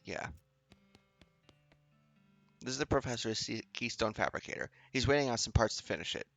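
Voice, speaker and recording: A man's voice: medium pitch, moderate pace, vocal fry, dry recording, faint music behind. A man hosting a game let's-play, casually reading on-screen text aloud and adding quips. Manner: relaxed, reads text then adds quips.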